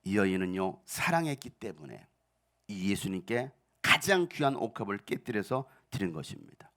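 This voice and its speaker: A middle-aged man preaching a sermon as pastor, emphatic, asking rhetorical questions and swinging between soft and loud passages. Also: lowish voice, sing-song, moderate pace.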